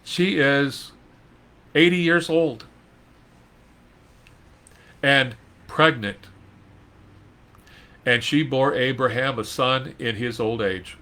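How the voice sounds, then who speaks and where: A man's voice: mid-range voice, slow, pauses often, pushed and bright. A man teaching an informal Bible study in a conversational way, reading verses and retelling them in plain speech.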